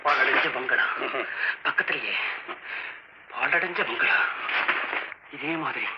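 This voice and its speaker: An actor playing an excitable, boastful young would-be film director, talking in a shrill, theatrical way. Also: male voice, slow, very noisy, lightly acted. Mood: hushed, spooky. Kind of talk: vintage film comedy acting. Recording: muffled old film soundtrack.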